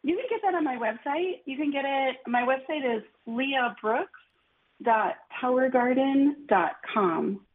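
Chatty husky woman on a phone line. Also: high voice, expressive, measured pace. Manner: chatty, enthusiastic, lots of "like". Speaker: gardening guest. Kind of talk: casual radio call-in chat.

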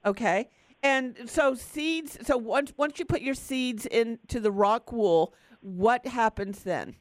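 A woman's voice: on the high side, slow, dry recording. A woman hosting a garden radio show, asking friendly conversational questions. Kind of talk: radio call-in interview.

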